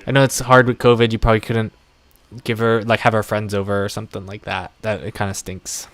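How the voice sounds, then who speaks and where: A young adult man chatting casually and rambling on a live stream, talking warmly to his viewers. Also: lowish voice, flat delivery, brisk.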